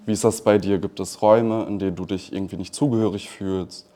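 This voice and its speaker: A man moderating a live event, calmly putting a question to a panelist. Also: deep voice, brisk.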